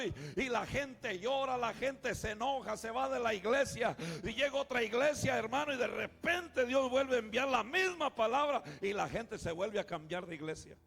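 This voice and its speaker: A male pastor preaching a sermon, calling out to the congregation and swinging from quiet asides to shouting. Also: very high-pitched, vocal fry, breathy edge. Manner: calls out to the congregation, often says "hermano".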